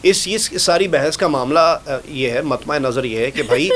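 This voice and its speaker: A man hosts a relaxed podcast chat, telling newsroom stories in an animated way. His voice sits fairly high for a man. A faint low rumble runs underneath the recording. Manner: animated, mimics shouting bosses, joking asides. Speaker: podcast host, former news anchor. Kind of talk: casual podcast conversation.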